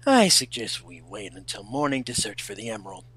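A man's voice: lowish voice, sing-song, brisk, a bit bright, slightly rough, full character voice. A man voicing a curt, haughty, brooding hedgehog prince in an amateur fan fiction reading. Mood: stern.

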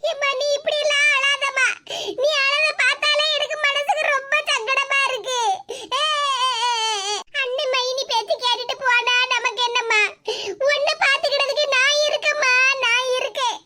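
Brief: a cheeky, greedy cartoon daughter with a Tirunelveli Tamil accent, teasing and coaxing, pitched very high over heavy noise. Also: level tone, moderate pace. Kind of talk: cartoon voice acting. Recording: loud background noise.

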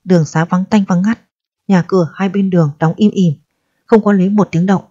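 A woman narrating an audiobook with calm, steady storytelling, on a slightly dull lo-fi recording. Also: fairly low pitch, fairly quick. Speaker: audiobook reader.

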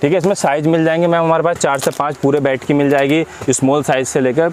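A man, an earnest shopkeeper giving a sales pitch and repeating polite agreements. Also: little pitch movement, fast talker, a little mellow. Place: crowded baby goods shop, indoors. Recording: noisy shop background.

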